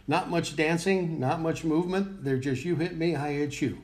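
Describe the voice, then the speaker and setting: A man's voice: a little high, normal speed. A man chatting casually as a guest commentator, acting out the action with sound words. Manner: animated, acts out punches with sound words. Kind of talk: casual chat.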